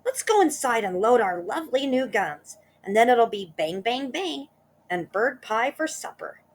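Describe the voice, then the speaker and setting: A woman's voice: fairly high pitch, sing-song, normal speed, pitched above the performer's own voice. A woman reading a storybook aloud, voicing a nasty, spiteful old woman who screeches and wails in panic. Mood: gloating. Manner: screeching, wailing.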